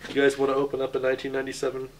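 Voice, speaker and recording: A middle-aged man talks enthusiastically about what he loves, laughing easily as he shows off his collection. His voice sits at an ordinary pitch. He is caught on a camcorder's built-in mic in a small basement, and the audio has a clear hiss of noise. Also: monotone, very fast. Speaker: beer bar owner giving a cellar tour. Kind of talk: casual chat. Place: indoors, small basement beer cellar. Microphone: on-camera mic of a handheld camcorder.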